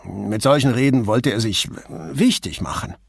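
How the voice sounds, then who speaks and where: A man voicing Nino, an excitable middle-aged drinker who talks eagerly and pushes his point. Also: lowish voice, measured pace, gravelly, breathy edge, dry recording, studio quality, heavily acted. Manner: eager, talkative, pushy.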